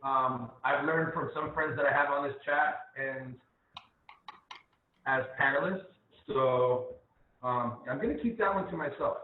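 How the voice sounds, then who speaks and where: A man's voice: mid-range voice, unhurried, slight background noise. A man teaching a live online cooking class over a video call, patiently walking through each step and repeating it. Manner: instructive, repeats steps patiently. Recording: tinny phone-like line, echoey room.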